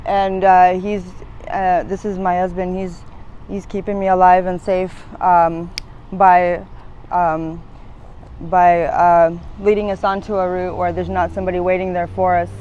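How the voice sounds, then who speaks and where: Flat-voiced rambling woman in her thirties. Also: lowish voice, measured pace, highs cut off, a little hiss or hum. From United States, born in Latvia. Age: 30s. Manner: rambling, hesitant, many fillers. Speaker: interviewee. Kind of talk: street interview. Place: outdoors on a city street.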